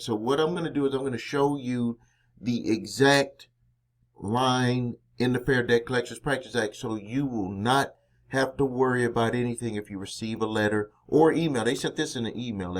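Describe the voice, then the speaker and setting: An American man presenting a consumer-advice vlog, explaining things directly to viewers in an emphatic, indignant way with stressed key words and rhetorical questions. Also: mid-range voice. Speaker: credit repair business owner and video host.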